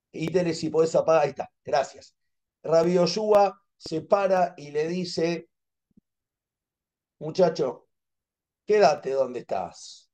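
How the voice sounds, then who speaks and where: Argentine guy teaching over a video call, mellow tone, slightly high voice, tells it like a story. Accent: Argentine Spanish. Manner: animated storytelling, repeats phrases for emphasis.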